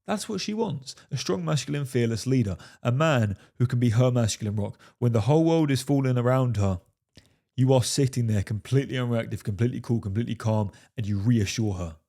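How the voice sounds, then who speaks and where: A man's voice: medium pitch, lively intonation, a little fast, warm tone. A man giving dating advice straight to camera, emphatic, often saying "fellas" and "right?" and swearing for emphasis. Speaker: dating coach. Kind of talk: direct-to-camera advice monologue.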